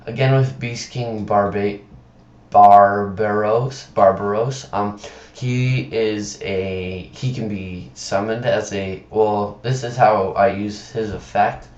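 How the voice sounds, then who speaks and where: A man with a low voice talks casually through a screencast, speaking with a sore tongue and throat. He is halting and trips over names. The sound is dull and roomy. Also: steady tone, a little mellow. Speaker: presenter of card game videos. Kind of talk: casual deck profile commentary over screen recording.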